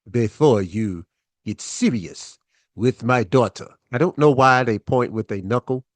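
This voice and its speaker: Chill guy telling a story, slow and easy, lots of you knows, dry sound. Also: medium pitch, no room sound. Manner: laid-back, chatty, frequent fillers. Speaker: storyteller and show host. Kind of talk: casual personal storytelling.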